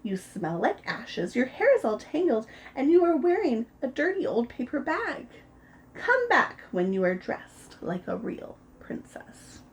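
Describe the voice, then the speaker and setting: A woman's voice: sits high, big pitch swings, measured pace, slight background noise, voice pushed up, full character voice, low-quality recording. A woman voicing a vain, snooty young prince with a sniffy, scolding tone.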